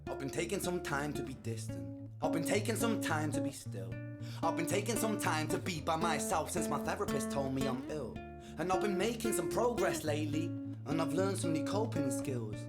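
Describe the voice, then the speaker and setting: A man rapping as a weary, self-reflective young man in a song, measured and subdued, over loud guitar music. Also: on the high side, lively intonation, lightly acted. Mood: calm. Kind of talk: rapped song vocal.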